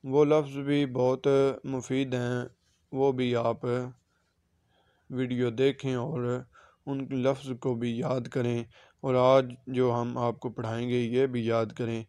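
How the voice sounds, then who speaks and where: Flat-voiced man teaching vocabulary. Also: medium pitch, smooth, dry recording, studio quality. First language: Urdu. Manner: repeats each word slowly with its meaning. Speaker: Arabic language teacher. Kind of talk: casual spoken vocabulary lesson.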